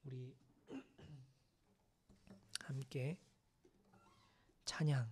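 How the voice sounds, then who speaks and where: A man preaching a sermon in an earnest, measured way, pausing to reflect and often dropping to a soft, hushed tone. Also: mid-range voice, level tone, slight background noise.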